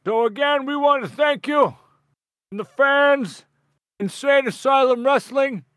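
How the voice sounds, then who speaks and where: A man playing a jolly veteran wrestler who shouts a slow, drawn-out promo to the crowd in a tabletop game. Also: extremely high pitch, no room sound, clean studio sound, pitched above the performer's own voice. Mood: rousing.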